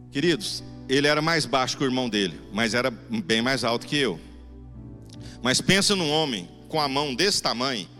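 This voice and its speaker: A man with a Goiás accent preaching in a church, telling a testimony in an animated, conversational way to the congregation. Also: mid-range voice. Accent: Goiás Brazilian Portuguese. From Goiás, Brazil. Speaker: guest preacher. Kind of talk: sermon testimony storytelling. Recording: church hall reverb, faint music.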